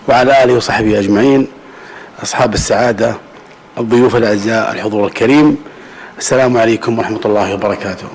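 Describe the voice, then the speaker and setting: An older man delivers a formal prepared address. He speaks very quickly into a podium microphone, with faint room noise behind him. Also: medium pitch, darkish tone, low-quality recording. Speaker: chief executive giving an official address. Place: conference hall at a podium. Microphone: podium gooseneck microphone.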